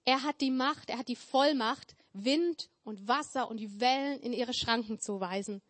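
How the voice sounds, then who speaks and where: A woman with a fairly high voice preaches at normal speed, earnest and emphatic, building her points through repetition. The setting is a church hall with tables.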